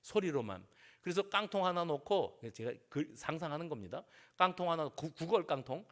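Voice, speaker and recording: Animated high-voiced male pastor preaching. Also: normal speed. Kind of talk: sermon.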